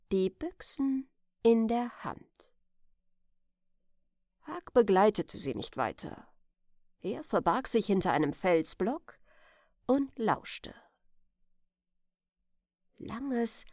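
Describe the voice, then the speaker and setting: Slow, soft-voiced woman telling a bedtime story. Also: a little high, no room sound, clean studio sound. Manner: soft and slow, whispering at tense moments. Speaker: audiobook narrator.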